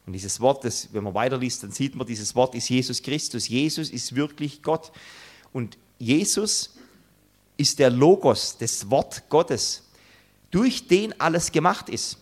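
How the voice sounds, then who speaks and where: Male preacher, sermon delivery, earnest, emphatic, pausing for effect, mid-pitched voice. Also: lively intonation. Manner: earnest, emphatic, with dramatic pauses.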